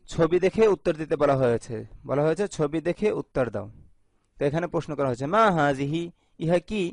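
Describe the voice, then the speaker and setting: A man from Bangladesh teaching an Arabic lesson in a video, going slowly and repeating each phrase with its translation. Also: a little high, no echo.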